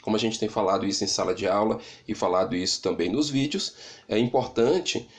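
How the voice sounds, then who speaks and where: A man's voice: fairly low pitch, a little fast. Brazilian man lecturing at home. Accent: Brazilian Portuguese. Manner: explanatory, frequent "né?" tag questions. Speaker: teacher. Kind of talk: recorded lecture on literacy stages. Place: home with an open window.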